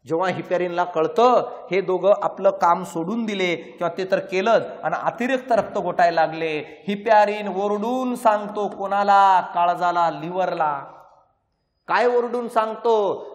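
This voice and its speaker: A man teaching exam-prep science, explaining through lively stories and rhetorical questions. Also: high voice, long reverb tail.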